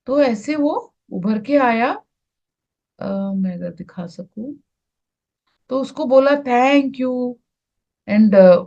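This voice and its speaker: Slow-spoken Indian woman teacher. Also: medium pitch, a little mellow, dull audio. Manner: slow, searching for words, screen-sharing as she talks. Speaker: spiritual teacher. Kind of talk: explaining to an online group.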